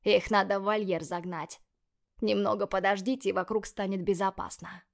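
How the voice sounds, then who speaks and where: A woman reading a calm old grandfather. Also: mid-range voice, moderate pace, vocal fry, natural voice. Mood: assured. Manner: matter-of-fact, assured. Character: calm, confident elderly grandfather.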